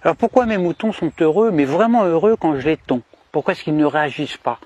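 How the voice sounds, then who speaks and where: A man as a smug cunning shepherd, husky voice, fairly high pitch, sly mock-cheerful satire. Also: brisk, a little mellow, dull audio. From DR Congo. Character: cunning, smug male shepherd boasting of control. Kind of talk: satirical monologue in character.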